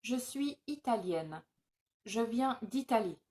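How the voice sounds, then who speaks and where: A woman's voice: fairly high pitch, expressive, takes it slowly, dark tone. A woman reading scripted phrases for a language-learning video, enunciating each short line carefully.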